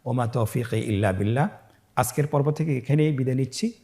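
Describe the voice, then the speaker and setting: A man teaching Quran reading in a recorded lesson, slowly spelling out syllables and calmly guiding learners. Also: mid-range voice. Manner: slow, drawn-out syllable-by-syllable spelling drills; calm, patient instructing tone.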